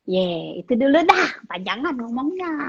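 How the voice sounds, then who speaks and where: Animated mother giving teens advice. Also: sits high, breathy edge, muffled recording. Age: middle-aged. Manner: animated storytelling, acts out quoted family members. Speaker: guest speaker on parenting. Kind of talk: casual advice talk to teenagers.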